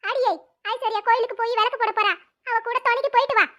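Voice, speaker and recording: A woman voicing a stern, bossy old village grandmother in a cartoon, with a shrill scolding manner. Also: steady tone, quick pace, bright, forceful tone. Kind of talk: cartoon voice acting.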